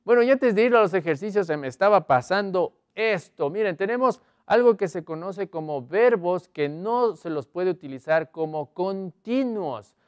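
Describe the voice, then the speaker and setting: A man teaching an online English grammar lesson, explaining in Spanish and reading English examples slowly while asking his students questions. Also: sits high, expressive, clear, resonant tone, dry recording. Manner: asks students questions often.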